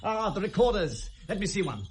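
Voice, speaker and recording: An actor with a British accent playing Hamlet, a bitter, mocking, wild-witted young prince, in theatrical 1970s radio Shakespeare style. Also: male voice, high-pitched, very animated, a little hiss or hum. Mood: sardonic. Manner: theatrical, sardonic, quick shifts from quiet to outburst.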